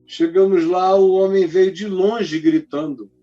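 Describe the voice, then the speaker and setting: A man's voice: high-pitched, steady tone, unhurried, dark tone. A man preaching in an emphatic, colloquial storytelling style. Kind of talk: storytelling sermon. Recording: dull lo-fi recording, faint music.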